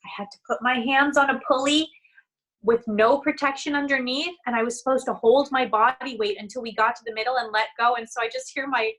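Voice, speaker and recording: A woman being interviewed as a guest, telling lively stories and laughing often over a video call. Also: a little high, fairly quick, rough recording. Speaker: guest, singer and actress. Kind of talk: casual conversational interview.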